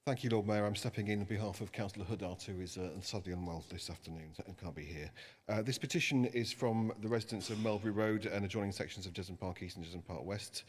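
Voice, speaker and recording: A male city councillor, stepping in for a colleague, reading a residents' petition in a brisk, formal way. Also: on the low side. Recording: council chamber with long reverb.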